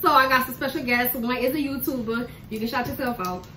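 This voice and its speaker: A woman's voice: a little high, fairly quick, bright, forceful tone. A young woman with a New Orleans accent hosting a casual mukbang chat, bubbly and laughing often in loose slangy talk. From New Orleans, USA. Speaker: host. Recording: echoey room, mic at a distance, noisy.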